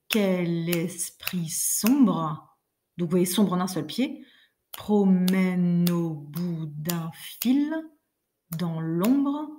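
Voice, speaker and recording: A woman teacher explaining poetry to her class, reading lines of verse aloud slowly and patiently. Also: mid-range voice, warm tone. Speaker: French teacher. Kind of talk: recorded class lesson.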